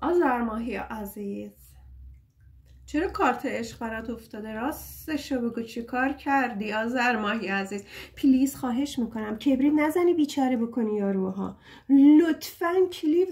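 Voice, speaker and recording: A woman's voice: a little high, animated, darkish tone. A young woman giving a casual tarot reading, chatty and playful, joking at her own expense and pleading fondly with her listeners. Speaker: tarot reader.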